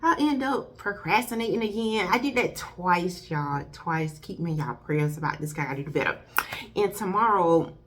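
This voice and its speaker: A woman hosting her own video channel, chatting casually and warmly straight to her viewers, often addressing them as y'all and drifting into rambling asides. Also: on the low side, slight background noise.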